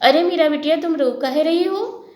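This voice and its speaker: A woman's voice: very high voice, moderate pace, a little mellow. A woman voicing a kind but firm village doctor who urges schooling for a girl. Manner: reassuring, lecturing. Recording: echoey room.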